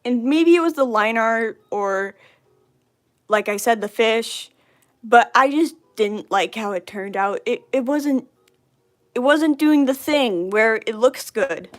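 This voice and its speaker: Slow-talking woman muttering to herself. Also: on the high side. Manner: mutters and repeats phrases to herself as she writes. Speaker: livestreamer. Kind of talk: casual livestream chat while writing a script.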